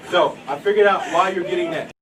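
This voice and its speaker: A man's voice: high voice, fairly quick. Man, casual curious chatter, echoey hall, distant mic with noise. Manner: animated, curious questioning. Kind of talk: casual chat. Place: church hall, indoors. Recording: echoey room from far off, background noise.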